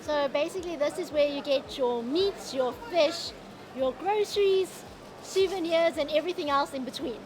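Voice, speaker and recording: A woman's voice: sits high, normal speed, crowd noise. A woman chatting casually in a travel vlog, upbeat and full of fillers, talking outdoors and later in a car. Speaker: travel vlogger.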